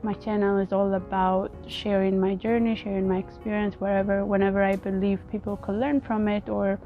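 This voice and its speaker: Woman, earnest vlogger, halting and repetitive, slightly muffled outdoor audio, faint music underneath. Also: mid-range voice, flat delivery. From Ethiopia. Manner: earnest, halting, often repeats words. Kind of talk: casual personal vlog talk.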